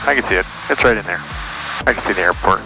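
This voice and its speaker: A man's voice: sits low, quick pace, creaky, music in the background, poor audio. A man who is a pilot, chatting casually and explaining the instruments to his passengers.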